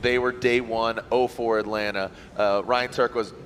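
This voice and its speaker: A man's voice: mid-range voice, little pitch movement, a bit bright, slight background noise. Upbeat male drift race announcer. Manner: upbeat, quick banter, catchphrases. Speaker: play-by-play commentator. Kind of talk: live motorsport commentary.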